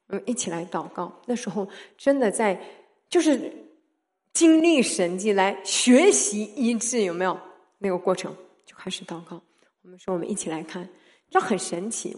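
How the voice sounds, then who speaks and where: Animated woman preaching a testimony. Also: medium pitch. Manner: animated storytelling, swings from soft to loud emphatic; mixes in English words. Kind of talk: sermon testimony.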